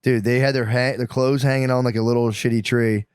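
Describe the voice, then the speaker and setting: A man's voice: mid-range voice, fairly quick, smooth, no echo, studio quality. A man co-hosting a casual comedy talk, telling stories with acted-out quotes and plenty of swearing. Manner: animated retelling with acted-out quotes, frequent swearing. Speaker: podcast co-host. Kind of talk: casual comedic storytelling chat.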